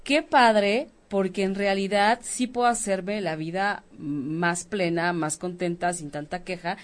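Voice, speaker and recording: A woman's voice: medium pitch, a little slow. A woman, co-hosting a talk show, telling a personal story in a chatty way. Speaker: co-host. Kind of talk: casual talk-show conversation.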